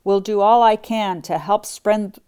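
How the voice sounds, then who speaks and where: A woman's voice: mid-range voice, measured pace, a little mellow, smooth, natural voice. Woman reading as a formal, dutiful Great Dane. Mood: earnest. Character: dutiful, sympathetic male Great Dane relaying a message.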